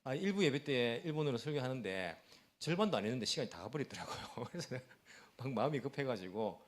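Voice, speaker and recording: A middle-aged pastor delivers a Sunday sermon in a church, his pitch rising and falling with real animation. He talks fast, turns to the congregation with questions and answers them himself, and now and then chuckles at his own haste. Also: lively intonation. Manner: fast-talking, self-aware, chuckles at himself. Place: church sanctuary.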